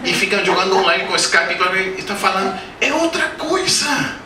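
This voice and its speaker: This guest at a spiritist center, a native Spanish speaker in his forties, lectures in Portuguese with a Spanish-speaking accent, mixing jokes, anecdotes and audience questions. His high voice is sing-song, bright and forceful at a moderate pace, captured from a distance in a roomy hall with background noise.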